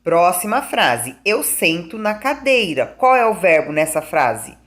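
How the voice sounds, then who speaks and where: A woman teacher, reading out a school test slowly and clearly to young pupils and asking them questions. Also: fairly low pitch, big pitch swings, a bit bright. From Brazil. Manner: slow, clear dictation with questions to the class.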